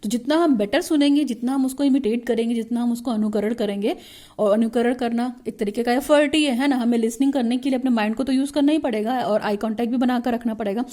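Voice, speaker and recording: A woman teacher giving an explanatory lesson, asking herself questions, restarting words and reading out English lines slowly. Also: fairly high pitch, steady tone, warm tone. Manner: mixes Hindi with slow, drawn-out English read-outs; frequent self-questions and restarts.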